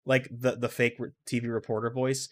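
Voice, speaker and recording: A man's voice: mid-range voice, level tone, brisk. A man hosting a casual solo podcast in a rambling, offhand way, now and then swearing and reacting aloud to a video game he plays while he talks. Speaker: podcast host.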